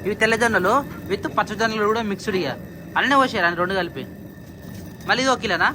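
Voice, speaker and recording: Brisk man directing chores. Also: high-pitched. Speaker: vlogger. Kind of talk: casual chat while working. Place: village home. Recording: loud background noise.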